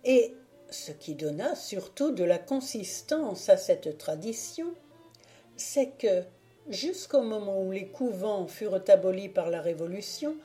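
A woman reading a classic novel aloud as an audiobook, in a measured, dramatic way. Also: mid-range voice, lively intonation, dark tone, faint music behind. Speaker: audiobook reader. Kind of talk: scripted audiobook narration.

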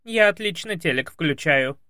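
A man voicing a loud, coarse, quarrelsome female housemaid who shouts in blunt, crude slang. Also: animated, normal speed, no room sound, clean studio sound. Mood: shrill, quarrelsome. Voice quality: shrill, shouting. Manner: blunt, crude colloquial speech.

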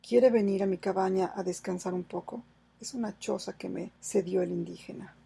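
A woman reading aloud and voicing a loyal, recovering male sailor in a storybook adventure, speaking quietly and earnestly in a gravelly, husky voice. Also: mid-range voice, steady tone, normal speed, full character voice, rough recording.

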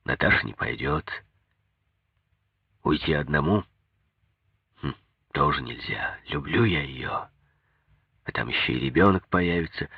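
Deep husky male narrator. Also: unhurried, pauses often, pushed and bright, no echo. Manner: subdued, brooding first-person telling. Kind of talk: audiobook narration.

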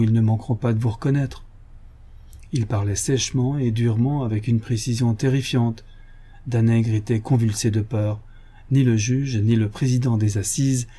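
A man narrates a classic detective story in an even, literary reading. His voice is dark and mellow, with a husky grain. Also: medium pitch. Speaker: audiobook narrator. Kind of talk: scripted audiobook narration.

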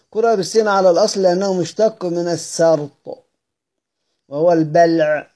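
A man with an Egyptian accent teaches a study circle on Quran readings. His voice sits fairly high but sounds soft and mellow. He keeps posing questions to himself and answering them, restating each point. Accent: Egyptian Arabic. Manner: asks himself questions and answers them, repeating key phrases.

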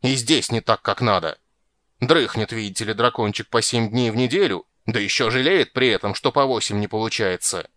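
A man's voice: fairly low pitch, normal speed, fairly bright tone, dry recording, lightly acted. A man voicing a grumpy, capricious male sea king who grumbles and blusters in a storybook reading. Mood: blustering.

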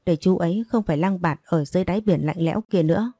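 A woman's voice: lowish voice, fast talker, mellow, no room sound, clean studio sound. A woman voicing a stern scolding woman. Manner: firm, scolding, lecturing.

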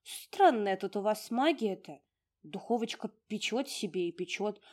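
Woman doing a curious young woman, inquisitive, lively, husky, storybook heroine. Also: medium pitch, unhurried. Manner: inquisitive, wondering. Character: curious young woman, puzzled new shop owner.

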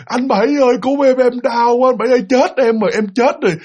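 A man's voice: steady tone, fast talker, a little mellow, slightly rough, muffled recording. A man with a Southern Vietnamese accent voicing a terrified dying wife who wails and pleads for her husband to save her. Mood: anguished pleading. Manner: wailing high cries.

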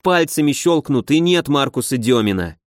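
A woman's voice: very deep voice, expressive, moderate pace, dry recording, clean studio sound. A man voicing a hot-tempered young noblewoman who nags and scolds her brother in an audiobook. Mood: scolding. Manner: sharp, nagging, reproachful.

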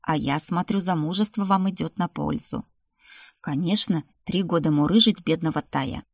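A brash young prince who jokes and teases his family, as a woman narrator puts him on. The voice stays near her own lower, husky register on a dry recording. An audiobook character voice. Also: normal speed, dry recording. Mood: cocky. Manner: brash, joking. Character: cocky young prince, playful brother.

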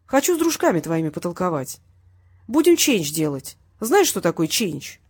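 A woman's voice: on the low side, very animated, normal speed, breathy edge, no echo, studio quality. A woman narrator voicing a cocky hitman in a crime audiobook. He taunts his enemies in a light, good-natured tone, and every word carries a threat. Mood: taunting. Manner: genial tone over threats. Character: cocky male hitman, mocking and menacing.

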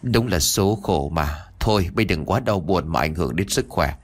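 A man voicing a slow consoling old ritual master. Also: low-pitched, expressive.

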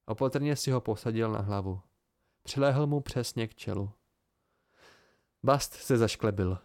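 A man calmly narrating an amateur audiobook. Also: on the low side, no echo, clean studio sound. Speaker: audiobook reader.

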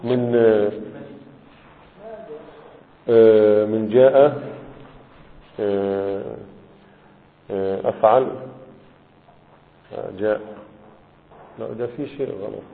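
A man's voice: fairly low pitch, fairly even intonation, takes it slowly, pauses often. A man teaching morphology in a lecture, often asking rhetorical questions and checking that the students follow. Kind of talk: explanatory lecture. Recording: tinny phone-like audio with long hall reverb.

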